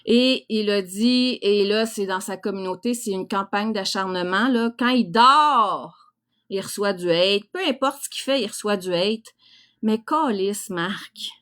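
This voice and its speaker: A middle-aged woman with a Québécois French accent hosts a livestream, reacting to viewers bluntly with crude, teasing colloquial talk. Her mid-range voice is fairly bright and a little slow.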